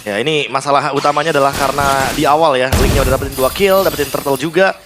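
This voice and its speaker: A man's voice: medium pitch, fast. An Indonesian man giving analytical live commentary as an esports caster. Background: music.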